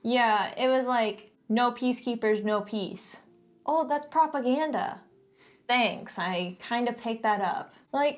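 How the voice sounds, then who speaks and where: A woman co-hosting a casual book discussion, giving opinionated critique with a sarcastic edge. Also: on the high side. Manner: critical, sarcastic mock-quoting.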